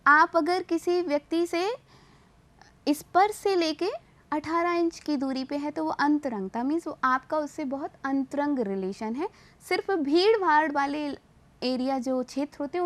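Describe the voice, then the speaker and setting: A woman teacher gives a classroom lecture. She explains step by step, mixes in English terms and restarts her sentences as she goes. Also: high-pitched.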